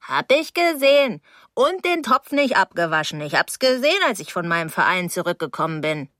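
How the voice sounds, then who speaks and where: A woman's voice: lowish voice, very animated, moderate pace, fairly bright tone, no echo, studio quality. A woman voicing a nosy old landlady with heart trouble who nags and scolds while out of breath. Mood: nagging.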